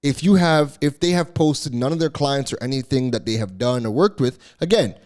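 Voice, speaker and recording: A man's voice: medium pitch, lively intonation, moderate pace, darkish tone. A man hosting solo commentary as a business coach, emphatic and exasperated, repeating key words for stress.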